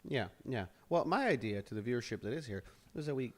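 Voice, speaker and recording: A man's voice: medium pitch, lively intonation, a little fast. A man from the United States co-hosting a casual chat show while eating hot peppers, chatty and often trailing off mid-sentence. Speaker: co-host.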